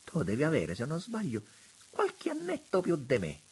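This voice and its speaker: A man voicing an effusive, soft-mannered elderly bishop who gushes in high exclamations. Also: wildly swooping pitch, moderate pace, slightly rough, exaggerated voice. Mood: jovial. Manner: gushing, exclamatory, shrill.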